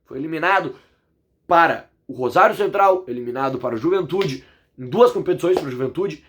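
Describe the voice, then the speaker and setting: A man with a Brazilian accent and a fairly high, hoarse voice breaks down a football match in a casual vlog. He speaks in an emphatic, indignant way, pressing his points hard. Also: animated, brisk, a bit bright. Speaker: football commentator.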